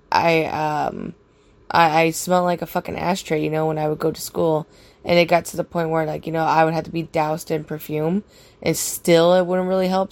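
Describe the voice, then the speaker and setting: A young woman with a low, slightly mellow, raspy voice rambles casually through a personal story, full of fillers and swearing.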